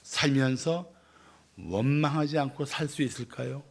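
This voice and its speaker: A man's voice: mid-range voice, a little slow, gravelly. A male pastor preaching a sermon, asking the congregation questions and answering them himself.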